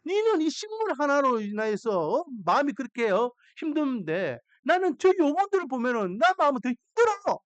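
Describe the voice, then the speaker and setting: A man preacher voicing God as a patient father who gently scolds and pleads. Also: high-pitched, huge pitch swings, brisk, dry recording. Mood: reproving.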